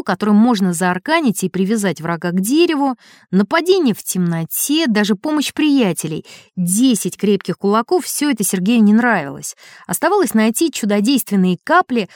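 A woman narrating a storybook in an expressive, animated way. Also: mid-range voice, no echo, studio quality.

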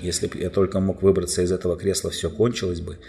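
A man's voice: sits low, flat delivery, quick pace, darkish tone, faint music behind. A man reading aloud and voicing a desperate, enchanted young knight who is tied to a chair, pleading passionately. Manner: impassioned, pleading then raging.

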